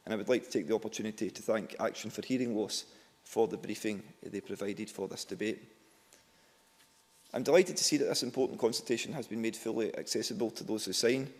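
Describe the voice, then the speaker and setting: A Glaswegian man delivers a formal, prepared speech to parliament in a fairly low voice. It is recorded in a large chamber with long, echoing reverb. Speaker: member of parliament. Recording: echoey hall with long reverb.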